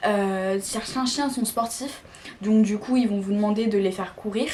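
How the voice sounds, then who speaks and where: A woman's voice: medium pitch, fairly even intonation, moderate pace, darkish tone, slight background noise. A seventeen-year-old girl with a French accent talking casually to camera, chatty and giggly, full of fillers and restarts. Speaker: vlogger.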